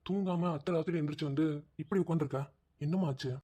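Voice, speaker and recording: A man voicing a worried village husband in an animated drama, who asks anxious questions again and again. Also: fairly high pitch, racing, slightly rough. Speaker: cartoon voice actor.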